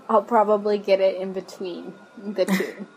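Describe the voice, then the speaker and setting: A woman's voice: medium pitch, steady tone, slow pace, a little mellow, rough recording. A woman co-hosting a casual podcast, trading wry jokey asides with laughs. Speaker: podcast co-host. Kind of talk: casual chat.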